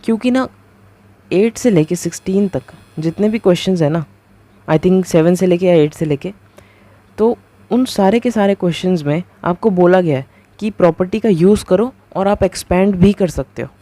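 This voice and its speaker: A man giving a casual math lecture, talking through each step as he writes and keeps asking the viewer quick rhetorical questions. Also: high voice, dark tone. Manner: talks through each step while writing. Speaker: math teacher.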